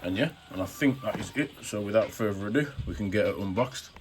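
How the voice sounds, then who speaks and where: A man's voice: fairly low pitch, quick pace, slight background noise. A man hosting a casual, chatty action figure review, talking informally and full of superlatives. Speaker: YouTube toy reviewer and channel host.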